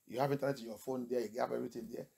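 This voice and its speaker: A male pastor preaches a sermon, switching between English and French, firing rhetorical questions at the congregation and rising to shouts. His gravelly, mid-pitched voice holds a steady tone and moves very fast.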